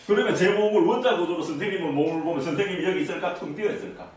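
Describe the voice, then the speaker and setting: A man's voice: high voice, very fast. A man giving an interactive lecture to an audience, constantly asking them either-or questions. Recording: echoey room, mic at a distance.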